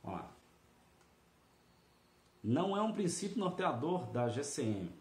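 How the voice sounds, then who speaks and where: A man's voice: fairly high pitch, big pitch swings, a little slow, darkish tone. A man tutoring through a practice exam in a casual video lesson, chatty and often checking in with the viewer. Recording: echoey room.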